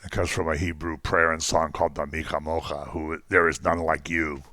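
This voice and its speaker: A man's voice: very deep voice, level tone, moderate pace, sharp tone, dry recording, clean studio sound. A man teaching an informal Bible class, talking conversationally with frequent ums and jokey asides to the class.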